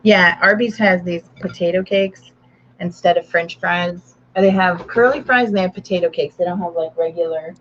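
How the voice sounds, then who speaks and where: A woman's voice: lowish voice, moderate pace, a bit bright, lo-fi sound, slight background noise. A woman author hosting a casual writing stream from home, chatting and rambling with restarts and talking to her dog. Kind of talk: casual chat.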